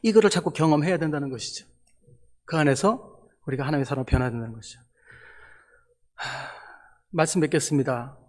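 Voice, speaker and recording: Male preacher, middle-aged, high voice, rapid delivery, acts out his stories, church reverb. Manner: animated storytelling, acting out his own quoted lines. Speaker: missionary preacher. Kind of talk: sermon. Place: church sanctuary.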